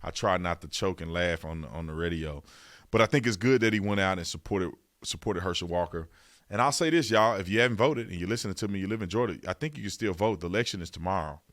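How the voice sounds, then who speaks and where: A man with a fairly low voice hosts a political talk show. He speaks casually in folksy, informal phrasing and repeats himself for emphasis. The sound is dry and close, as on a studio microphone. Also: fast, a bit bright, no echo. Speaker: radio talk show host. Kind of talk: casual conversational political commentary.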